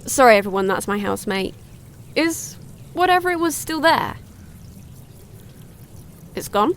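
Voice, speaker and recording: A bubbly girl streaming woodland cams at night, kinda high voice, faint hiss behind. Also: measured pace. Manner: chatty, excitable, gasps at sightings. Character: cheerful young woman streaming woodland wildlife. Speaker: wildlife livestream host. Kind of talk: audio drama, chatty live-stream narration.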